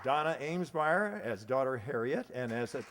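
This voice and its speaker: Animated and brisk, this medium-pitched American announcer formally introduces the cast at a live curtain call, stumbling and self-correcting now and then. A crowd is audible behind him. The hall echoes, with audience noise and clicks.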